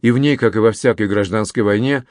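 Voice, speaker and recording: A man voicing a calm, serious young male officer who speaks steadily, in an audiobook reading. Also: on the low side, quick pace, no echo, studio quality, natural voice. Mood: earnest.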